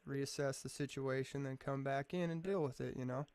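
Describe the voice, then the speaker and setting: A man's voice: mid-range voice, fairly even intonation, normal speed, darkish tone, clear, resonant tone. A man as a podcast guest in casual chat, a laid-back, profane storyteller who keeps calling people "man.".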